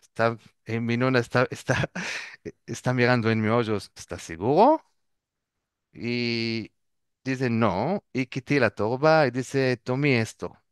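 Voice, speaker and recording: Guy telling stories, keeps searching for words, smooth clear voice. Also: medium pitch, level tone, no echo, studio quality. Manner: halting, searches for words, restarts often. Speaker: guest. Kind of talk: casual storytelling.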